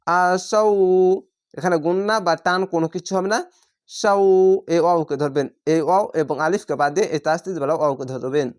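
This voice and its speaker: A Quran reading teacher who gives a patient word-by-word recitation lesson, drawing out each Arabic word slowly before explaining the rule. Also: mid-range voice. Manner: chants Arabic words in drawn-out recitation tone.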